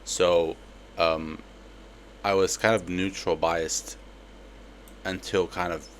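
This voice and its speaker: A young man with a slight lisp walking through a trade in a casual, relaxed way, with lots of fillers. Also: deep voice, slow, a little hiss or hum. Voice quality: slight lisp from a palate expander. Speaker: trading educator. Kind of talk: screen-recorded trade breakdown.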